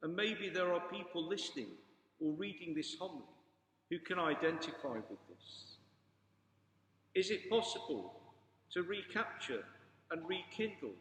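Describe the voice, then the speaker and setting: A man's voice: on the high side, animated, a bit bright, a little hiss or hum. Solemn male preacher in an echoing hall. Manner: solemn, measured, formal delivery. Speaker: priest preaching a homily. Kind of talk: Gospel reading and homily, solemn pulpit sermon. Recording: echoey hall with long reverb.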